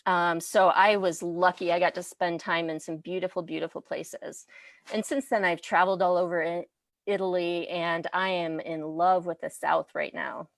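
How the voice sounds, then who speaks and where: Her voice is on the low side and gravelly, with fairly even intonation at a normal speed, and there's no echo. She's a Midwestern American woman, an interview guest who teaches languages, chatting easily about where she comes from.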